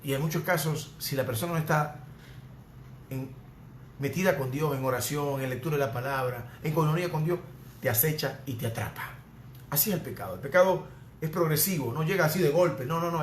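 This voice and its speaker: A man's voice: a little high, a little fast, a little hiss or hum. A male pastor with a Venezuelan accent preaching a sermon, hammering home repeated refrains. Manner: repetitive preaching cadence, emphatic refrains. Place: church sanctuary. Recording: echoey church room.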